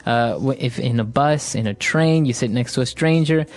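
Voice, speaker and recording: A man's voice: mid-range voice, normal speed, darkish tone. A man from Ecuador hosting an English lesson podcast, explaining phrases with everyday examples. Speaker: podcast host, English teacher.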